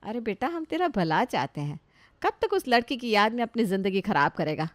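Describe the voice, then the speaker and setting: A woman's voice: mid-range voice, sing-song, brisk, no room sound, studio quality, lightly acted. A woman voicing a worried, firm but loving mother in a storybook tale, pleading and scolding. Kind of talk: storybook voice acting.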